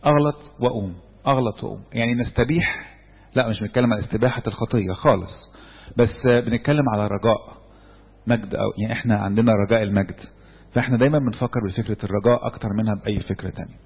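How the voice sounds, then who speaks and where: This church speaker talks very fast in a low-ish, gravelly, slightly rough voice with an Egyptian Arabic accent. In a sermon-style talk to a group, he questions his listeners and supplies the answers himself. Recorded on a handheld mic in an echoey hall, the audio sounds tinny and phone-like.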